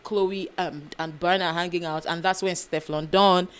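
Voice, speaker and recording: A young woman from Nigeria with a Nigerian accent, co-hosting a casual chat podcast, animated and laughing, slipping into pidgin. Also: on the low side, moderate pace, clear, resonant tone. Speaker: podcast co-host.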